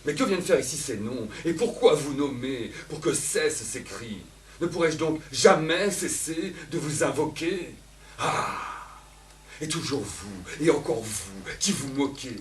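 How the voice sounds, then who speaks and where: A man's voice: on the high side, animated, measured pace, slight background noise. A man playing Elvire, a scorned and desperate woman in love, declaiming in impassioned outbursts on a theatre stage. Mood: anguished. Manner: impassioned, cries out in long outbursts. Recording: echoey theatre, voice from far off.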